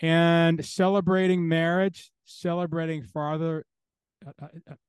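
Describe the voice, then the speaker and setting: Earnest man, higher voice, emphatic lists. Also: level tone, a little slow, clean tone, dry recording. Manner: emphatic, builds points through repeated parallel phrases. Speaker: interview guest, theologian and professor. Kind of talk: earnest interview talk.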